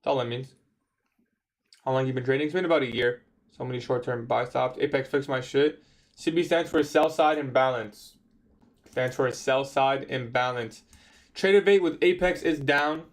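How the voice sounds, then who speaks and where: On a casual trading livestream, a man in his twenties responds to viewers in a mid-range voice at a normal pace. His delivery is relaxed and slang-heavy, with frequent use of "bro."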